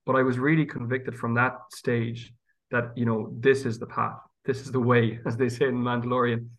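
A man's voice: mid-range voice, little pitch movement, moderate pace, fairly bright tone. A man with a west of Ireland accent talking conversationally and thoughtfully as a priest being interviewed. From County Galway, west of Ireland. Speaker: priest and guest.

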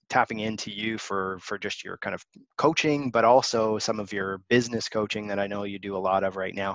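A man hosts a podcast interview in a relaxed, affirming way, with plenty of ums. His voice sits fairly low. The audio is dry and a little dull, as if lo-fi. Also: no echo. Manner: relaxed, affirming, fillers like um and you know. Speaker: host.

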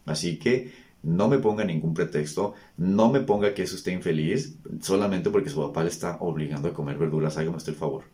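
Middle-aged male host, very low voice, chatty reflective monologue full of rhetorical questions. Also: a little fast, warm tone. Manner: conversational, rhetorical questions, frequent restarts.

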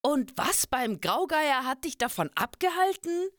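A woman voicing a blunt, gruff, hard-drinking male fighter. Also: sits high, very animated, measured pace, fairly bright tone, dry recording, studio quality, pitched above the performer's own voice, exaggerated voice.

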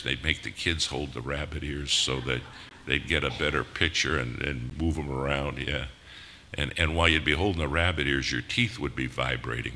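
A man in later life preaching a sermon in a church, swinging from loud bursts to hushed drops. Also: rumbling low. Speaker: pastor. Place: church sanctuary. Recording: reverberant hall with faint noise.

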